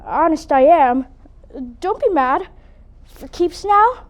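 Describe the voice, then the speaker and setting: A woman's voice: very high-pitched, expressive, slow, muffled recording, a little hiss or hum, heavily acted. A woman playing a sheepish, teasing schoolboy in a competitive interpretation piece, coaxing an apology.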